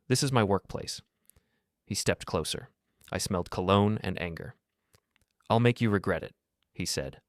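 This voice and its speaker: A man calmly narrating a first-person story in a measured, even way. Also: deep voice, dry recording, studio quality.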